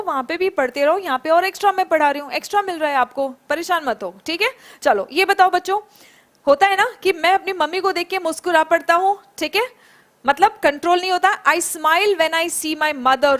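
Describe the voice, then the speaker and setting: A woman teaching a live online spoken English class, praising students by name and drilling phrases slowly. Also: extremely high pitch, fairly bright tone. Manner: encouraging, calls students by name and praises them.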